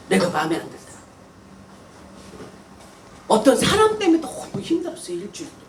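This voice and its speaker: Woman missionary, very high, lively voice, preaching to kids; echoey room, mic far off. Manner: animated, asks many questions, speaks casually to the kids. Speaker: missionary preaching to young people. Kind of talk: sermon. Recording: echoey room, voice heard from far off, faint noise.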